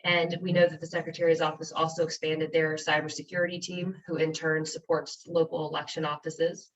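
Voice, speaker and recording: American woman clerk, low-pitched, steady briefing tone with ums, recorded off-mic over a muffled call line. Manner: measured, informative, with frequent ums. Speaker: county clerk. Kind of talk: webinar presentation. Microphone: video call. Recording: distant, dull webinar audio.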